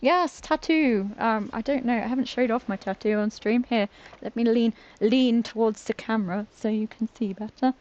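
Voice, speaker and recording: A woman's voice: on the high side, normal speed, a little mellow. Chatty British woman streamer, lo-fi audio. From Britain. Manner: chatty, giggly, self-mocking, trips over words. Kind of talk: casual live-stream chat while playing.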